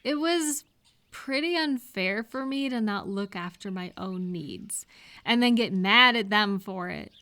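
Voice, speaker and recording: Bright and forceful in tone, this woman's mid-range voice moves a little slowly. She's an audio roleplay performer giving supportive advice, speaking conversationally to one listener with reassurance and explanation.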